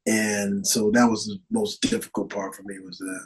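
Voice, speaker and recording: A middle-aged man, an actor, telling stories in an animated, casual way as a podcast guest. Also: on the low side, normal speed, slightly rough, poor audio. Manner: animated, lively storyteller with restarts. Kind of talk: casual interview storytelling.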